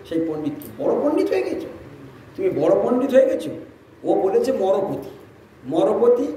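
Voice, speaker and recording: A man's voice: high-pitched, a little mellow. A man giving a devotional sermon, telling a story and asking the listeners rhetorical questions, often repeating himself. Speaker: preacher. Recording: very echoey room, distant mic, faint noise.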